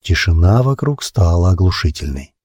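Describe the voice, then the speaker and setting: Deep husky man narrating an audiobook. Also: very animated, moderate pace, a little mellow, dry recording, clean studio sound. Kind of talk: first-person audiobook narration.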